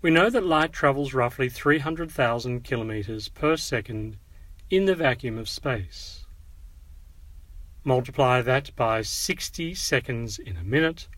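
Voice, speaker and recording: A man presents a scripted museum audio guide as an educator, measured and instructive, speaking directly to the listener. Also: medium pitch, expressive, a bit bright, no room sound.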